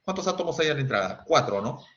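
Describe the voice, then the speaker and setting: Un profesor con acento peruano que da una clase de química en línea y pregunta "¿sí?" a cada rato a sus alumnos. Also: male voice, on the high side, sing-song, quick pace, a bit bright. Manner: quizzing students, asking "¿sí?" often, sings snatches. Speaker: teacher. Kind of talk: online chemistry class. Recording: dull lo-fi sound.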